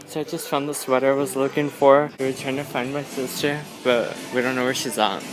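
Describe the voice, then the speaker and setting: A man's voice: medium pitch, steady tone, fairly quick, rough recording. A young man chatting casually to viewers as a vlogger while out in a shopping mall. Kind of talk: casual vlog chat. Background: loud music.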